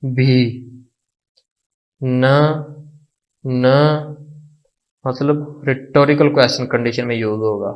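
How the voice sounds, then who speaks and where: A man's voice: medium pitch, normal speed, hardly any pauses, lo-fi sound. A man teaching a language lesson. He repeats each word several times and asks questions before answering them himself. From Pakistan. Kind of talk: slow, repetitive lesson explanation.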